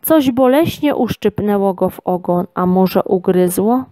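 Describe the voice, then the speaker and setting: Slow, warm-voiced woman reading a storybook. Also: mid-range voice, no echo. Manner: expressive, measured reading. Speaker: reader.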